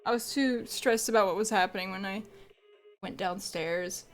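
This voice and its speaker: Soft background music plays as a woman livestreamer talks casually with her viewers at a normal speed in a medium-pitched voice. A cold and allergies have her stuffed up, and she rambles and laughs a lot.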